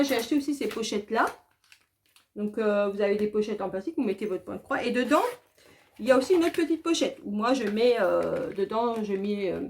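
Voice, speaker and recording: A woman talks through a craft tutorial in a casual, chatty way. Her voice sits a little high, and she hesitates often with fillers and restarts. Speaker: craft video host.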